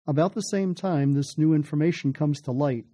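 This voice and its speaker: A man's voice: fairly high pitch, normal speed, warm tone, no echo, studio quality. An American man reading scripted documentary narration.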